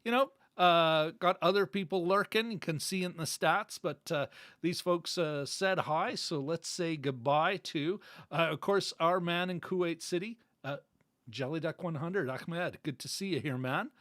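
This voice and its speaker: Middle-aged guy rambling and restarting, kinda high voice, dry close mic. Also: moderate pace, a bit bright, dry recording. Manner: rambling, many fillers and restarts. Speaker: podcast co-host. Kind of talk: casual livestream sign-off chat.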